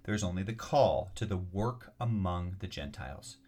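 A man's voice: low-pitched, expressive, moderate pace, darkish tone, slightly rough. A man teaching as a rabbi, reading scripture passages aloud and explaining them with emphatic, repeated points and occasional restarts. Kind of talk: lecture on scripture.

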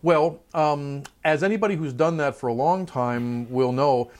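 A middle-aged trumpeter who teaches college talks through his career in an easy interview, thoughtful and chatty with lots of asides. His voice is a little high and his pace measured.

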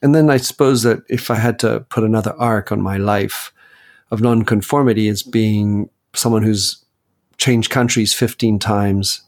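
50s guy talking about his life in an interview, gravelly, thinks out loud. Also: fairly low pitch, steady tone, normal speed. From Belgium. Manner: reflective, storytelling, with restarts. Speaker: guest, author. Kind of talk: interview conversation.

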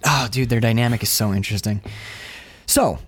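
A man co-hosting a casual film discussion podcast, talking in an animated way, swearing casually and acting out characters' lines in shifting voices. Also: mid-range voice, fairly quick, husky. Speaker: podcast co-host.

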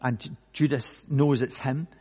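A male pastor preaching a sermon slowly and emphatically, with dramatic pauses. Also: medium pitch, fairly even intonation, dark tone, slightly rough. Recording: long hall reverb.

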